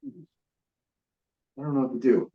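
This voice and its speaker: A man presenting a real estate development plan at a community meeting. He speaks haltingly and restarts often, and his audio keeps breaking up, with word endings cut off. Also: medium pitch, expressive, reverberant, lo-fi sound. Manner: halting, with frequent restarts and repeated words. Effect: choppy call audio with dropouts and clipped word endings. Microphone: far from the speakerphone on a video call. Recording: distant, breaking-up video call audio.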